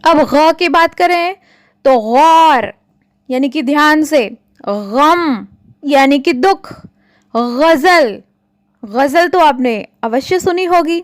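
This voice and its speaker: Female teacher, children's lesson, very high pitch, unhurried and patient, dry close sound. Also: no room sound. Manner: patient, addresses the children often, stretches out example words. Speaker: Hindi teacher.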